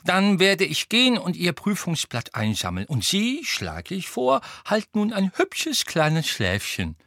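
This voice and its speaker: A male audiobook narrator voicing a gentle, fussy, frail old wizard over 70 who soothes a shaken student. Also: high voice, wildly swooping pitch, unhurried, no room sound, clean studio sound, voice pushed up, heavily acted. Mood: kindly. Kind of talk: audiobook character voice.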